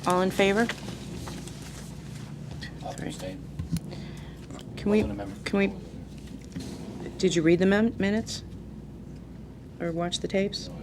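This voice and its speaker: A woman's voice: mid-range voice, steady tone, slow pace, pauses often. A woman chairing a public agency meeting, talking informally through procedural business. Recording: clear background noise, meeting room.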